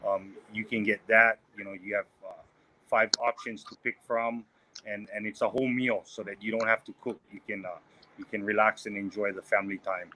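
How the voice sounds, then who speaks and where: A man in his thirties from Maui chats about his restaurant in a casual, halting way. His voice sits low but has a bright edge. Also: slight background noise, rough recording. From Maui, Hawaii. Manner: relaxed, hesitant, many fillers. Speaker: restaurant manager. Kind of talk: casual chat.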